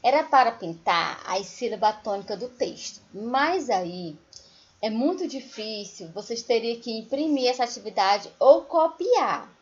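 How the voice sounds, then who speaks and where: Woman teacher, slow and patient, fairly high voice, sings out example words, slightly dull lo-fi recording. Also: expressive. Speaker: primary school teacher. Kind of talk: recorded remote lesson for children.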